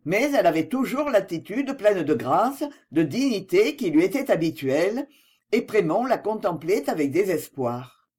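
A woman's voice: medium pitch, big pitch swings, moderate pace, a little mellow, slightly rough. A woman reading a novel aloud as an audiobook narrator, with dramatic expression.

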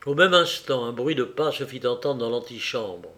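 Reading aloud from a classic novel, this man uses a steady, measured narrator's delivery at a medium pitch, as befits an audiobook.

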